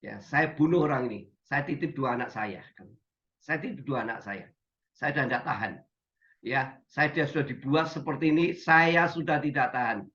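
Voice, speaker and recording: A desperate, worn-out grown man at the end of his strength, as a man puts him on in a story. He pleads in a low, hushed, tired voice. The audio is dull and muffled, as over a video call. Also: moderate pace.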